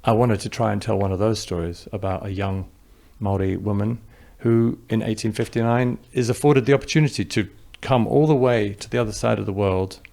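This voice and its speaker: A film director from New Zealand with an English accent reflects on interview questions, thinking aloud and starting sentences again. He talks briskly with few pauses, in a low, dark voice with vocal fry.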